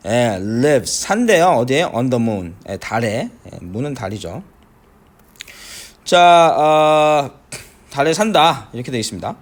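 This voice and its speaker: Lively-voiced male teacher explaining pronunciation. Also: medium pitch, slow pace. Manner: repetitive, with many fillers and checks like "got it?". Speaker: English listening teacher. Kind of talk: classroom lecture explaining pronunciation.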